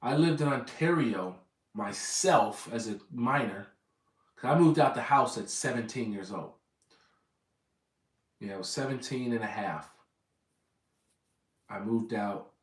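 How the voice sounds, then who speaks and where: Talking to his viewers at a measured pace, this American vlogger in his thirties from Southern California meanders and keeps revising what he says. His medium-pitched voice includes long pauses, and the roomy audio suggests a far-off mic.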